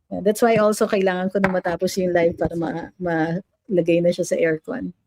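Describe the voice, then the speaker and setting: A woman's voice: fairly low pitch, level tone, moderate pace, darkish tone. A woman with a Filipino accent hosting a casual livestream, reading viewer comments aloud and chatting between Filipino and English. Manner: switches between Filipino and English, coos at her dog. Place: home room with a fan.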